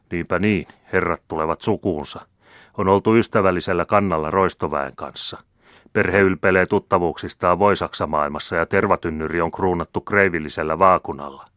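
A man reading an audiobook, voicing an older hot-tempered general who shouts fiery demands. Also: low voice, dry recording, clean studio sound.

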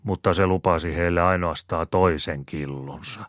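A sly old country yarn-spinner, voiced by a man, chuckling his way through a bawdy tale. The voice sits very low and rumbling, and the recording is close and dry. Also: fairly even intonation, fairly bright tone, no echo. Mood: yarn-spinning. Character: bawdy old rustic male storyteller, sly.

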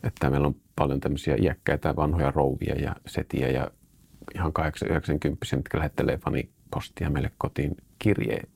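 A comic strip artist answering an interviewer's questions, a man with a very low, gravelly voice. He muses and restarts as he talks. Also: steady tone, darkish tone. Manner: hesitant, restarting and musing.

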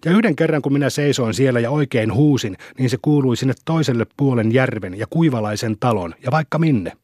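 A man's voice: medium pitch, expressive, darkish tone, no room sound, studio quality, close to an everyday voice. A man voicing a boastful, argumentative little village boy in an audiobook. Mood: bragging. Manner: bragging, argumentative.

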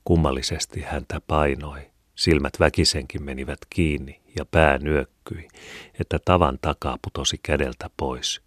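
A man narrating a classic novel as an audiobook, in a measured, even storytelling manner. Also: extremely low pitch, no echo, studio quality.

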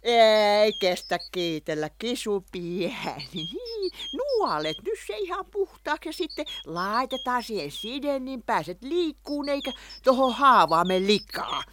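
A woman's voice: a little high, big pitch swings, a bit bright, a little hiss or hum. An actress playing a chatty, lovestruck witch who fusses and coos over her cat in a radio play. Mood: fussing. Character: lovestruck chatty witch woman, fussy and fond.

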